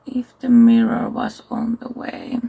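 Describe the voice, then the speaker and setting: A tired woman, chatting casually through a makeup tutorial and thinking aloud with soft asides. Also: a little slow. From Finland. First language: Finnish. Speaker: makeup vlogger.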